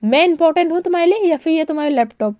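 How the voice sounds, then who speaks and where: A woman voicing a moody, demanding pregnant young man who whines and shouts petulantly. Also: fairly high pitch, brisk, no room sound, lo-fi sound, natural voice.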